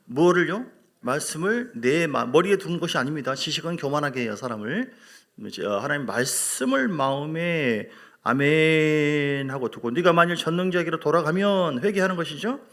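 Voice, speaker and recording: Gravelly middle-aged man preaching a sermon. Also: a little high, normal speed. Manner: animated, emphatic storytelling with acted quotes; asks the congregation questions. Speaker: pastor.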